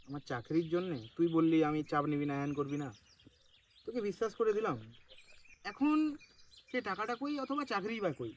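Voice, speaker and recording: A man plays a young man with a Bengali accent whose voice sits high and strained. He was cheated out of money paid for a job and now presses his friend with urgent, bitter demands. The film sound is natural and outdoorsy. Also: a little hiss or hum. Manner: urgent, pleading on the phone, then bitter and confrontational. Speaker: actor in a short film. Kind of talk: naturalistic short film acting.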